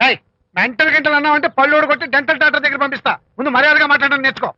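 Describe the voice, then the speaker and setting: A man's voice: very high-pitched, fairly even intonation, rapid-fire, sharp tone, dry recording, exaggerated voice. An actor playing a brash middle-aged father in a comedy film, trading threats in banter. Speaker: comic film character, the groom's father. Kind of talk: Telugu film comedy acting. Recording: dull, dry film soundtrack.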